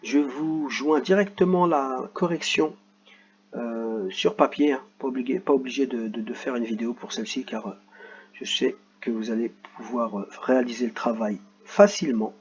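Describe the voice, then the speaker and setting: A man's voice: medium pitch, moderate pace. Teacher, man: playful, talks to kids through worksheets, dull recording with faint hiss. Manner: playful, joking asides. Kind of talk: explaining reading exercises to children.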